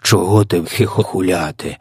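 A man's voice: on the low side, steady tone, normal speed, husky, dry recording, clean studio sound. A man voicing a kind old male giant who whispers and mangles his words. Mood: hushed. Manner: whispering, hushed, mangled grammar.

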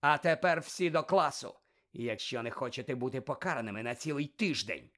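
A man voicing a quiet, severe male professor in an audiobook, speaking slowly and coldly. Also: mid-range voice, expressive, lightly acted. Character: cold, stern male potions professor. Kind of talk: audiobook character voice.

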